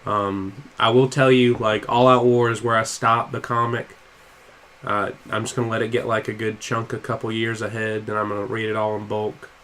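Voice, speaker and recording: Hoarse male podcast co-host, gruff from laryngitis, rambling banter. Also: level tone, normal speed, a bit bright, slight background noise. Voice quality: gruff, deeper than usual. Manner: rambling, laughs often.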